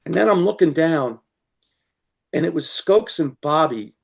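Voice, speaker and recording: A man's voice: a little high, measured pace, vocal fry, husky. A man, a guest fly tier, chatting casually with lots of "you know" fillers as he demonstrates tying flies and tells stories. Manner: animated, laughs as he tells stories.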